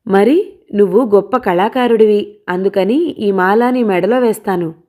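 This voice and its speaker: A woman's voice: medium pitch, unhurried, mellow, natural voice. A woman doing a teasing young village girl.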